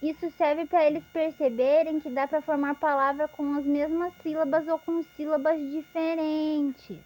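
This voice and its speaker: A woman's voice: high-pitched, little pitch movement, moderate pace, a little mellow. A woman giving an instructional lesson, patiently explaining step by step with examples. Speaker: teacher.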